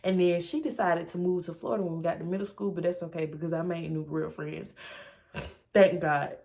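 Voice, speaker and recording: A woman's voice: fairly low pitch, fairly even intonation, a little fast, vocal fry, darkish tone. A young woman in a confessional home vlog, talking candidly and rambling with many fillers, speaking casually and directly to her viewers. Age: young adult. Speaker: vlogger.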